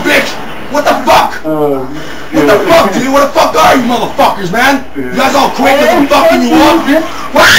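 Young male gamer, explosive profane rants, shouting, roomy distant home-video sound. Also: very high voice. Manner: ranting, profane, explosive yelling. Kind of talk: angry trash talk while gaming. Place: dim living room at home. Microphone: handheld camera a few feet away.

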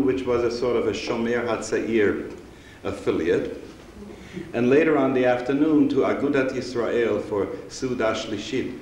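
An Austrian-raised rabbi in his 60s gives a public lecture seated on stage before an audience in a synagogue hall. His medium-pitched, slightly mellow voice carries measured, reflective, unhurried storytelling, and the roomy hall recording has a faint hiss.

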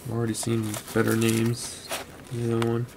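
A man sitting at a home desk, chatting to himself and his viewers as he flips through a box of cards. His voice stays flat and level, and noise hums clearly underneath the recording. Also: mid-range voice, fairly quick. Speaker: card collector vlogger. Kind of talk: casual narration while sorting cards.

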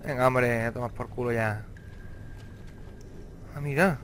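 A man's voice: medium pitch, steady tone, a little slow, fairly bright tone, slight background noise. A young man with a Spain Spanish accent doing let's-play commentary on a horror game, jumpy, swearing and talking back at the screen. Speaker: gaming channel host.

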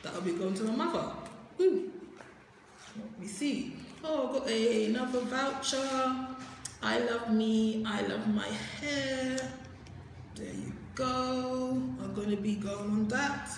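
A woman from London with a hoarse voice, chatting casually through a beauty box unboxing with lots of excited "ooh"s. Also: a little high, slow pace, a little hiss or hum. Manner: excited cooing, frequent "ooh". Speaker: beauty vlogger. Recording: echoey room with long reverb.

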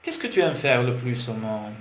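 A man voicing a lively young foreign woman, friendly and chatty with a small boy, with a foreign accent. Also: very deep voice, moderate pace. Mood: cheerful. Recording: roomy with faint hiss.

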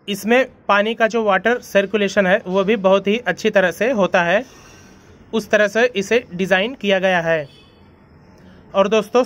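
A young man hosting a plumbing channel narrates a voice-over for an animation, explaining a pipe fitting. His voice sits high with a fairly bright tone, and he's friendly, often calling viewers his friends.

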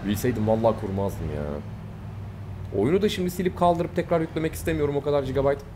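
A young man commenting casually on a game he plays, brash and excitable, swearing often. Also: on the high side, fast, noisy background. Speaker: gaming YouTuber. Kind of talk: Let's Play commentary.

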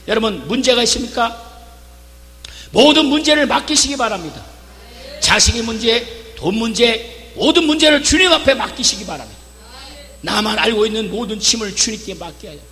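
A middle-aged male pastor preaching a revival sermon, fervent, calling out for amens and shouting his key lines. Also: very high voice. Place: church hall. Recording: reverberant church hall with faint hum.

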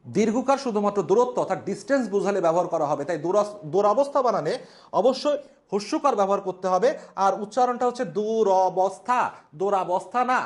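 Male spelling teacher, high-pitched voice, slow drawn-out repetition. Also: expressive. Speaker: Bengali language instructor. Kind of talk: classroom lesson at a whiteboard.

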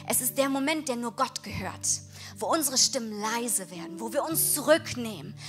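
A woman's voice: high-pitched, a bit bright. A woman leading a worship night, preaching earnestly and encouragingly and reading scripture aloud in a church service. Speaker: worship leader. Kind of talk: devotional sermon during a worship night. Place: church service with music behind.

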